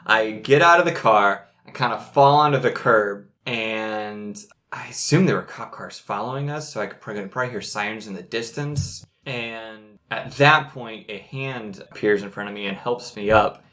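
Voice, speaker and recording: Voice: medium pitch, moderate pace, fairly bright tone. A player describing their character's actions in a tabletop game, hesitant and laughing often. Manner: hesitant, full of ums and laughs.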